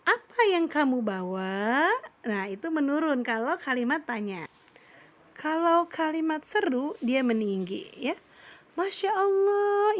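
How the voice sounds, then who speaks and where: High-voiced patient woman teacher. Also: a bit bright. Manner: patient, addresses pupils as "Nak" with frequent "ya". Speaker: elementary school teacher. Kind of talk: online grammar lesson for children.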